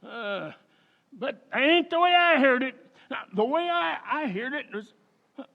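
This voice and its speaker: Very high-pitched folksy old-timer. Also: male voice, lively intonation, creaky, lo-fi sound, full character voice. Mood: jolly, folksy. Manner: drawn-out, folksy, chuckling. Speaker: amateur actor in a community playhouse radio recreation. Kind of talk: old-time radio comedy acting.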